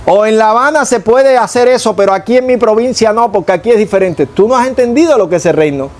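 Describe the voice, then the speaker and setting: A man preaching a sermon as pastor, acting out prayers with a low hushed voice and boastful ones higher. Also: fast. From Cuba.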